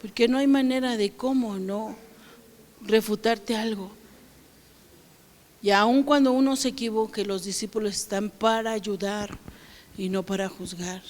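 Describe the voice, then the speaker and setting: A woman's voice: medium pitch, fairly even intonation, a little slow, long pauses, darkish tone. A woman pastor preaching a sermon to her congregation, often asking them questions and varying her delivery.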